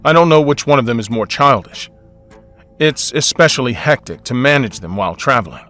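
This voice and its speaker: Brief: young man, mid-pitched voice, wry and exasperated first-person storyteller. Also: lively intonation, fairly quick, a bit bright, faint music behind. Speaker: narrator.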